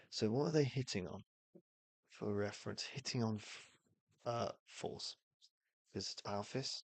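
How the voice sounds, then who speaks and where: A man's voice: fairly low pitch, creaky, no room sound. A man streaming, casually explaining game rules and thinking aloud with fillers while rolling dice.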